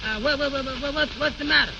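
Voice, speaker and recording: A man's voice: very high voice, fast talker. An actor playing a humble, naive and easily flustered man who stammers and repeats himself in folksy speech, in old radio comedy style. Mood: flustered, polite. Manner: stammering repetitions, deferential, folksy ungrammatical speech. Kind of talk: 1930s-40s radio comedy acting. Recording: muffled, noisy old radio recording.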